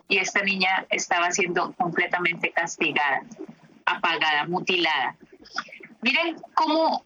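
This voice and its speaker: Bright-voiced woman therapist telling cases. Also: mid-range voice, dull audio, a little hiss or hum. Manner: reflective, with pauses and fillers. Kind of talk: telling case stories in an interview.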